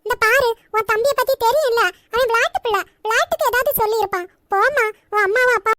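A woman's voice: very high-pitched, quick pace, pushed and bright, no room sound, studio quality. A woman voicing a loving, protective old grandmother in a cartoon, coaxing and scolding by turns. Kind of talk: cartoon voice acting.

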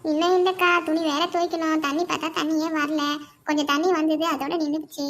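A woman's voice: high-pitched, little pitch movement, fairly quick. A woman voicing a housewife neighbour in a cartoon, complaining gossipily about chores. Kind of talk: cartoon voice acting.

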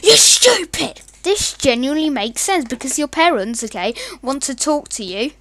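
A young woman giggling and rambling excitably through a casual meme reaction commentary. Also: high voice, moderate pace. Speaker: meme reaction video host.

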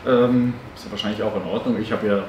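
A fairly low, fast man's voice with a somewhat mellow quality and fairly even intonation, though the audio sounds dull. He's in his thirties, co-hosting a tabletop game channel from inside a hobby game shop, chatting casually with lots of fillers, restarts and self-corrections as he introduces a battle report. The room echoes, the mic sits at a distance, and there's a faint hiss.

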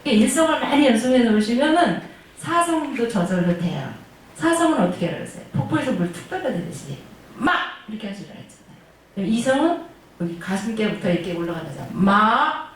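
A woman's voice: on the high side, sing-song, fairly quick, a little mellow, recorded from a distance. Woman teaching Chinese in an echoey room. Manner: demonstrates tones and sounds aloud, sometimes singing them; asks the class questions she then answers. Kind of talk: online pronunciation lesson. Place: classroom of a senior welfare center. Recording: very echoey room, voice from afar, faint noise.

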